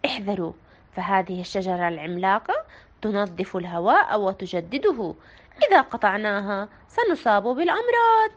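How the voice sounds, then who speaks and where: A woman voicing a calm male town doctor who gives a warning. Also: mid-range voice, moderate pace, lo-fi sound, pitched below the performer's own voice.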